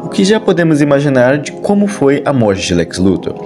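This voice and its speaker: Speaking a little fast at a medium pitch, a very animated man with a Brazilian accent hosts and narrates an online video. The scripted commentary comes across as informal, chatty storytelling with colloquial turns, and music runs in the background.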